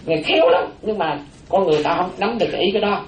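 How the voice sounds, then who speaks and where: A Buddhist monk gives a dharma talk very fast in a high voice, repeating key phrases and checking in with listeners through rhetorical questions. There is slight background noise, and the room adds echo with faint ambience.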